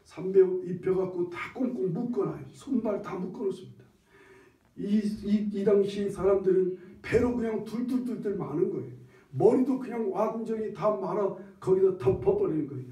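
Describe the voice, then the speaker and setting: A male preacher retelling a story in an animated way, in an echoey hall heard from far off. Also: high-pitched, normal speed. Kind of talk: sermon storytelling.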